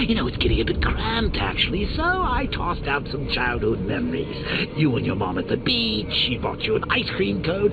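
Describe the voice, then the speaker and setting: An American man playing a manic, sadistic clown villain in a video game, theatrical and mocking, with a gravelly, cackling voice. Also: fairly high pitch, exaggerated voice. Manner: theatrical, mocking, swooping from sinister murmurs to gleeful cries. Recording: tinny band-limited game audio under loud music.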